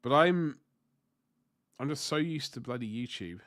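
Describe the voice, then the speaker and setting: His medium-pitched voice is a bit bright, a little slow, and lively in intonation. This livestream host, stuffed up and sore-throated with flu, paints miniatures while chatting casually in answer to viewer comments, rambling, self-correcting, and tossing in mild swears.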